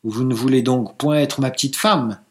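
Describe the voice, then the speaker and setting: An eager young husband coaxes and pleads, courteous but insistent , voiced by a man reading aloud. His tone stays gentle while he presses on. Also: mid-range voice, normal speed, close to an everyday voice. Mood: coaxing.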